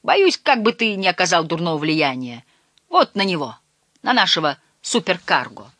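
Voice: medium pitch, big pitch swings, normal speed, pushed and bright, dry recording, studio quality. Long Jack, a reader doing a big jovial sailor. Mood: mocking.

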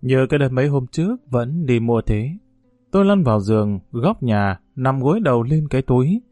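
A man narrating a novel in a steady, unhurried storytelling manner. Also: medium pitch, dry recording, soft background music. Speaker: audiobook narrator.

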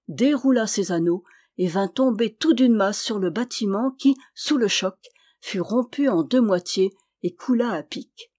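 A woman storyteller reads a fairy tale aloud, measured and expressive. Her voice sits in a middle pitch. She keeps a steady, calm flow.

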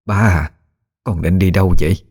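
A man voicing an elderly mother who fusses over her sick grown son and gently scolds him. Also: sits low, moderate pace, slightly rough. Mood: fussing. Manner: scolding, fussing. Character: elderly mother, fussing and caring.

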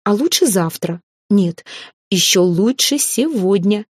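A woman reading an audiobook, voicing an excited, bossy middle-aged mother who speaks in loud exclamations. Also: medium pitch, slow pace, husky, no room sound, studio quality. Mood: eager.

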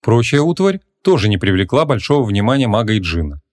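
A man reading a humorous fantasy audiobook as narrator, measured and even. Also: lowish voice. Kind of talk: scripted narration.

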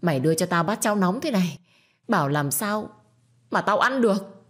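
A woman voicing a spoiled, bratty seventeen-year-old girl who scolds and whines in a sharp tone. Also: mid-range voice, lively intonation, moderate pace, voice pushed up, natural voice. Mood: whiny.

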